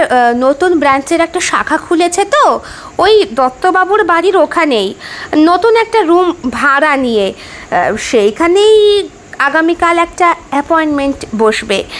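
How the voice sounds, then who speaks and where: A woman voicing a lively, quick-witted young wife in an audio story. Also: high-pitched, heavily acted.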